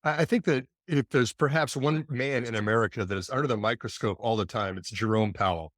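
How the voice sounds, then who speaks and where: A man's voice: medium pitch, brisk, a bit bright, dry recording. A man hosting an investing interview who frames long, thoughtful questions for his guest. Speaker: host interviewer.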